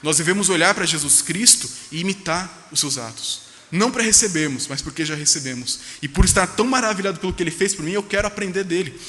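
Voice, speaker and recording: A man preaching, his voice slightly high and bright as he presses through the sermon at a rapid clip. He asks rhetorical questions and drives each point home with emphasis. His words ring out with a long reverb in a church hall. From Brazil. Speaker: pastor. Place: church sanctuary.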